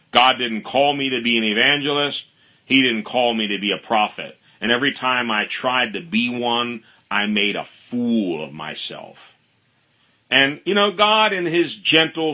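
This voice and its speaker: A man's voice: mid-range voice, pushed and bright. A man preaching a sermon in a plain-spoken teaching manner, stressing points with emphatic repetition.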